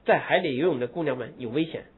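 A man teaching English grammar in a lecture. He explains in Mandarin, asks rhetorical questions and answers them himself, and drawls English example phrases slowly with heavy stress. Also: medium pitch, husky. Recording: tinny phone-like lo-fi recording.

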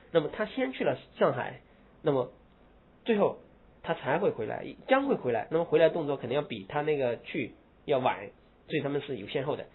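A slightly high, husky male teacher giving a grammar lecture, his pitch swinging widely as he stresses example phrases. The sound is thin and tinny, like an old phone-line recording. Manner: explains in Mandarin, drawls English example phrases slowly with heavy stress; rhetorical questions answered himself.

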